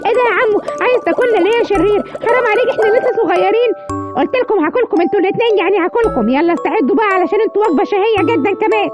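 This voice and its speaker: A woman's voice: very high-pitched, racing, dull audio. A woman with an Egyptian accent voicing a hungry, boastful male shark in a children's cartoon story, gloating over his threats. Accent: Egyptian Arabic. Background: music.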